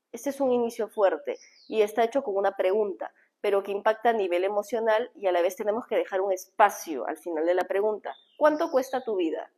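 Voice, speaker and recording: Brief: woman, image coach on a phone live stream, direct to viewers, plays with tone and pauses to demonstrate. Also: mid-range voice. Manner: expressive, varies tone and pace to demonstrate, addresses viewers directly. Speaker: image consultant and communication coach. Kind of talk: live-stream lesson on public speaking. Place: indoors, streaming live from home.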